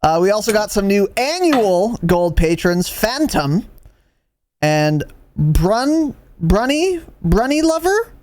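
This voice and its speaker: A man's voice: sits high, sing-song, slow, a little mellow, a little hiss or hum. A young man co-hosting a podcast, talking in a casual, profane, mock-exasperated way. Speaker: podcast co-host.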